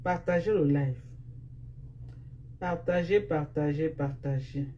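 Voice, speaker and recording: Slow-talking Cameroonian woman teasing her live viewers. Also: deep voice, warm tone, dull audio, slight background noise. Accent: Cameroonian French. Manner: repetitive, teasing, scolding refrains. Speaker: live streamer. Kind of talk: casual live-stream chat with viewers.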